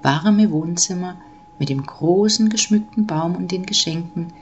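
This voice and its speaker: A woman gently reading a children's Christmas story aloud, measured and calm. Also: fairly low pitch, highs cut off, slight background noise.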